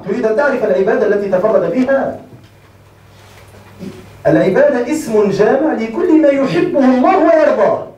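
A man with a Tunisian Arabic accent gives a brisk classroom lecture on creed and keeps asking whether his students follow. His voice sits high and moves fast. It is recorded from across a very echoey room. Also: a little mellow, highs cut off. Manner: checks understanding often with rhetorical questions. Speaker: Islamic creed teacher. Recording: echoey room, mic far off.

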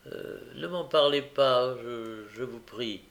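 Brief: male narrator as a meek orphan boy, quiet, hesitant, slow-spoken. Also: medium pitch, creaky. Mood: subdued.

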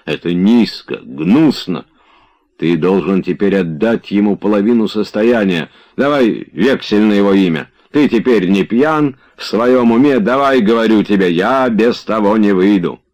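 A man voicing a crude, bullying middle-aged man who shouts abuse in an audiobook reading. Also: fairly low pitch, expressive, unhurried. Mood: shouting, abusive. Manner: shouting, abusive, blustering.

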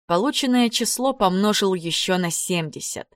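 A woman narrating a novel in a calm, even storytelling manner. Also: mid-range voice, normal speed, no echo, studio quality. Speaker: audiobook reader. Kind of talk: scripted narration.

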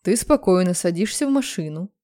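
A woman's voice: lowish voice, animated, a little fast, dark tone, close to an everyday voice. A woman reading aloud and voicing a domineering young man who switches between growled orders and sweet coaxing. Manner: growling commands, then sudden coaxing tenderness.

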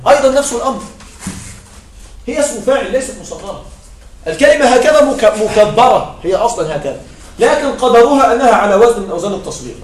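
A man teaching grammar in a classroom lecture, repeating his points and checking understanding with short questions. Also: high-pitched. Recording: echoey room, mic far off.

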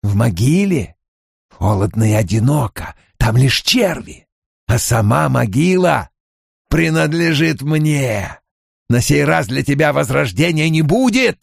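A man growling as a gravelly mocking dark lord. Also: medium pitch, very animated, no echo, studio quality, voice pushed up, full character voice. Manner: taunting, drawn-out threats. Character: menacing ancient dark lord, mocking and cruel. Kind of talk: audiobook character voice.

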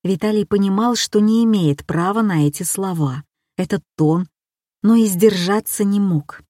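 A woman narrating an audiobook in an even, measured reading. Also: mid-range voice, dry recording, studio quality.

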